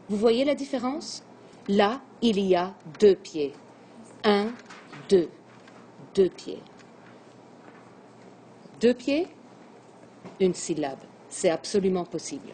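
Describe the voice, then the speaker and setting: A woman teacher giving a lesson on poetry, counting out syllables slowly and deliberately. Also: mid-range voice, noisy background. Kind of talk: classroom lesson on verse.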